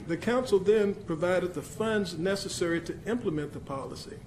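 Male official, measured formal speech, higher voice, faint room noise and crowd. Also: expressive, darkish tone, poor audio. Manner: measured, reads prepared remarks. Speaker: city council official. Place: city council chamber.

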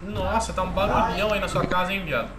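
A man's voice: sits high, steady tone, quick pace, a loud crowd. A young man with a Brazilian accent, chatting casually and persuasively with teammates over game voice chat. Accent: Brazilian Portuguese. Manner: easygoing, persuasive, slangy. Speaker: gaming youtuber.

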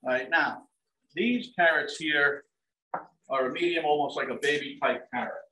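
A middle-aged chef and dining services director runs a live cooking demo in a large home kitchen, relaxed and step by step, often saying "um" and "like I said," while turkey sizzles in a pan. Recorded by a fixed camera across the counter, his voice, on the high side at a moderate pace, sounds distant, echoey, and faintly hissy.

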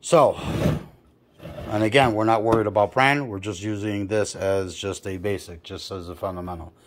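A blunt car audio installer talks through speaker wiring in casual workshop chat. His voice sits a little low, and he swears freely as he tells the story. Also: steady tone, moderate pace.

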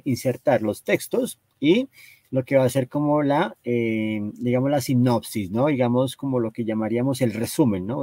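A man's voice: mid-range voice, a little mellow, no room sound. A man giving an explanatory talk on cover art, hesitant and constantly checking in with his listeners. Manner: hesitant, constantly tags phrases with "¿no?" and "¿cierto?". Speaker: lecturer presenting book cover art.

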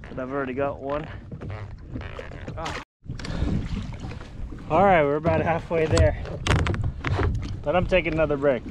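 A man in his thirties talks through his fishing trip from a kayak in a slow, easygoing way, his voice sitting a little on the higher side. He sounds like he's muttering to himself as he reels in. An action camera catches him outdoors with steady wind and splashing water underneath. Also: muffled recording. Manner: relaxed running commentary, muttering to himself. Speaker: kayak angler. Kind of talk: casual self-narrated fishing vlog. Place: kayak on open sea, outdoors. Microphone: action camera mounted on kayak. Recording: wind and sea noise on action cam.

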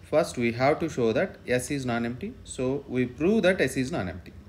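A man's voice: mid-range voice, expressive, normal speed, slight background noise. A man lecturing on mathematics step by step, dictating and repeating phrases as he writes out the working. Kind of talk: step-by-step lecture while writing out a proof.

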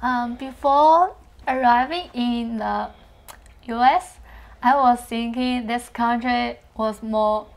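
A woman's voice: on the high side, slow. A young woman from China, answering interview questions in a studio, careful and simple in her phrasing. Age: young adult. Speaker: guest, English student.

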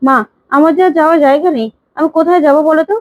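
A woman's voice: sits high, very fast, dry recording, highs cut off, voice pushed up, close to an everyday voice. A woman voicing a disgraced grown son who pleads with his mother. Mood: pleading.

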